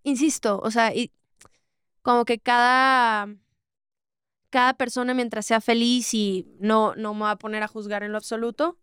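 A woman's voice: a little high, little pitch movement, moderate pace, a bit bright, clear, resonant tone, no echo, studio quality. A young woman in her twenties from Monterrey with a Mexican accent, a guest talking thoughtfully in a casual interview, often saying "o sea" and "¿sabes?". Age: 20s. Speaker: guest, singer.

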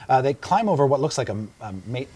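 A man from Canada narrating a tabletop game as game master, relaxed and halting. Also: medium pitch, breathy edge.

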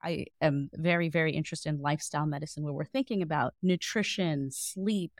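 A woman in her thirties hosting a podcast, asking questions quickly and affirming her guest. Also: deep voice, no echo, clean studio sound. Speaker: podcast host. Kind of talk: conversational podcast interview.

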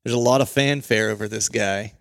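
A male podcast host with a lowish, gravelly voice chats casually and wanders through his sentences with a joking tone. The sound is close and dry. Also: fairly quick, no room sound. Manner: jokey, rambling, conversational.

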